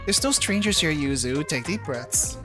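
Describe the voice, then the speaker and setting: Woman reading as a calm, reassuring teacher. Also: low voice, moderate pace. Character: kind, reassuring adult teacher in a game. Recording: music behind the voice.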